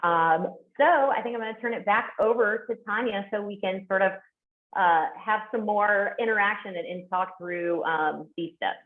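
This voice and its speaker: A woman's voice: medium pitch, normal speed. A woman presenting steps in a webinar, earnest, with frequent fillers and restarts. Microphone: video call. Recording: tinny phone-like call audio.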